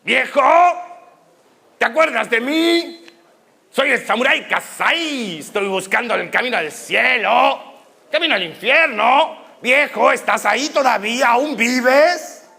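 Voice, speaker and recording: A man voicing a desperate, half-mad samurai who shouts his questions in a told story. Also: very high voice, sing-song, moderate pace, hardly any pauses, voice pushed up, heavily acted. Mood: calling. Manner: shouting, frantic.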